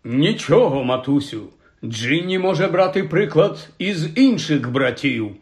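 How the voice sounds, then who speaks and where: A man's voice: a little high, expressive, moderate pace, lightly acted. A man voicing a pompous, self-important teenage boy.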